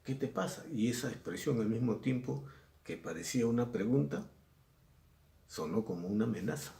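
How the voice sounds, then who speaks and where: Gravelly Peruvian male teacher, echoey room. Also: mid-range voice, lively intonation, normal speed, warm tone. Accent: Peruvian Spanish. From Peru. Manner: conversational, repeats himself, acts out examples. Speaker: secondary school language teacher. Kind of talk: recorded class lesson.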